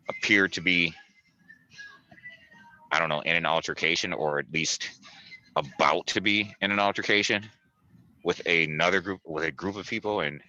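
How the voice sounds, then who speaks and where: A man co-hosting a casual analytical discussion, speaking deliberately through a mask and often qualifying his points. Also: sits low, pushed and bright, dry recording, dull audio. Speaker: talk show co-host.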